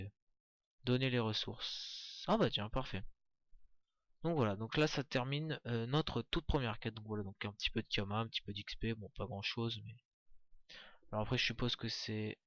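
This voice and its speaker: A man's voice: fairly low pitch, vocal fry, fairly bright tone, dry recording, dull audio. Chatty man narrating a game walkthrough. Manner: chatty, hesitant, many fillers and restarts. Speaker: gameplay commentator. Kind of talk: casual gameplay walkthrough commentary.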